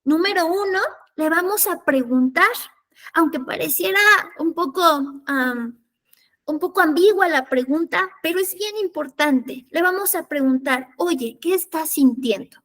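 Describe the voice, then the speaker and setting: Woman, high register, parenting workshop leader, explanatory tone with frequent check-ins. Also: measured pace, fairly bright tone. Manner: explanatory, checks in with listeners through tag questions. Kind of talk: workshop lecture.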